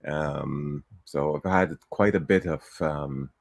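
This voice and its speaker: Deep-voiced man candidate, dry sound. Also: takes it slowly, creaky, no room sound. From Trinidad and Tobago. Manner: chatty, laughs easily, many ums. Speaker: political candidate guest. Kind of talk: talk show interview.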